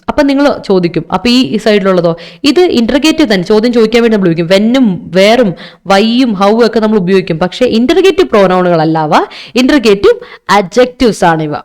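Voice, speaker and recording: Exam-prep teacher, mid-pitched, explanatory and self-correcting, stresses key words by lifting pitch. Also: a little mellow. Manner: explains step by step with frequent "okay" and quick self-corrections. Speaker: English teacher for exam preparation. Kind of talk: online exam-prep lesson mixing Malayalam and English. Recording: online class recording.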